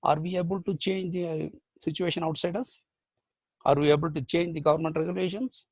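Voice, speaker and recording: A man with an Indian English accent, whose first language is Badugu, gives a motivational online lecture as a professor. His voice is gravelly and a little husky, recorded close and dry. He builds his points through rhetorical questions and repeated phrases. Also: fairly high pitch, steady tone, a little fast, a little mellow, dry recording. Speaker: professor and life skills trainer.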